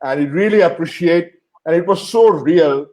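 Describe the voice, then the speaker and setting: A man from Bangladesh hosting an interview show, thanking his guest in a halting way, with many fillers and repeated words. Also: on the high side, darkish tone. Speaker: host. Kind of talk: closing an online interview show.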